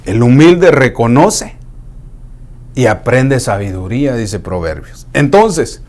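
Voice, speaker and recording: A man preaching a sermon in a conversational way, dropping into hushed asides to act out what people say. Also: mid-range voice.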